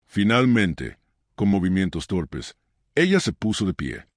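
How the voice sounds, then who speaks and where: A man narrating a scripted story in a measured way with dramatic pauses. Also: sits low, big pitch swings, no echo, clean studio sound.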